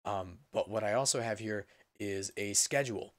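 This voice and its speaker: A young man with a hoarse voice that is giving out from being sick, giving a casual, rambling update as a gaming channel host. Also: on the low side, moderate pace, no room sound. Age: young adult. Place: indoor room at a computer.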